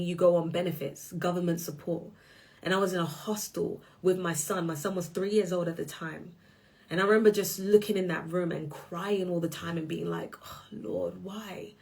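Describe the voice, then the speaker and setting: A woman, a life coach teaching a live online masterclass in an emphatic way, often checking in with listeners. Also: lowish voice. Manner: emphatic, keeps checking in with "okay?".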